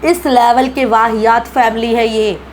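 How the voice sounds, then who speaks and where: A woman's voice: on the high side, fairly even intonation, measured pace, a little hiss or hum. A woman from Bihar, India, giving a heated, indignant reaction rant full of swearing. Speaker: social media creator.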